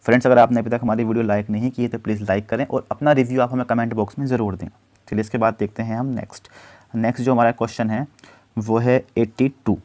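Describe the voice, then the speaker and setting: A man teaching exam prep. He reads questions out slowly, explains them briskly, and drops his voice to give each answer. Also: mid-range voice, fairly even intonation, a little mellow.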